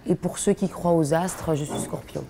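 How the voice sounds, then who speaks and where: Woman in her thirties, low voice, heavy vocal fry, relaxed and chatty, light background noise. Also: moderate pace. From Belgium. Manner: relaxed, chatty, many fillers and restarts. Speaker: interviewee, comedian. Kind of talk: casual interview answers.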